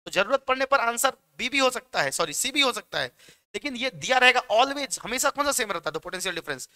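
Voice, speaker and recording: A man's voice: very high-pitched, big pitch swings, fast talker, sharp tone. A young man with a Bihari Hindi accent teaching physics exam questions in a chatty, joking classroom manner, mixing in English terms. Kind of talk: exam-prep lecture.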